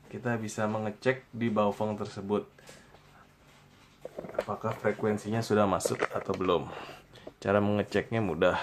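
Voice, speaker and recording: An Indonesian man with a fairly low-pitched voice presents a step-by-step software tutorial. His delivery is plain and instructional, with pauses between short phrases.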